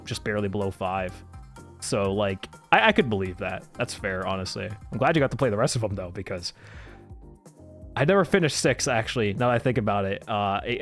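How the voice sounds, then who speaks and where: A man's voice: fairly low pitch, fairly bright tone. A man livestreaming casual, enthusiastic commentary as a streamer, swearing freely and often talking through laughter.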